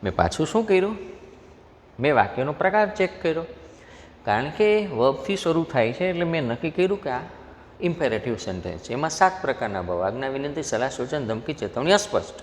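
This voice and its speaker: A man with a Gujarati accent teaching English grammar, explaining each step patiently, reading example sentences slowly and asking the class questions. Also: medium pitch, very animated. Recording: faint noise, long hall reverb.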